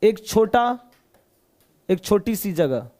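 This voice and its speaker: A man's voice: high voice, sing-song, slow pace, a little mellow. A man from Bihar teaching English in a live online class, speaking Hindi with a Bihari accent, chatty and joking as he coaxes his students. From Bihar, India.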